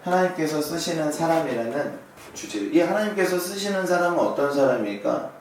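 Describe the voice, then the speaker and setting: A man's voice: on the high side, expressive, fairly quick, a little hiss or hum. A man in his thirties preaching a sermon as a pastor, telling a personal story and putting questions to the congregation. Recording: very echoey hall, voice from far off.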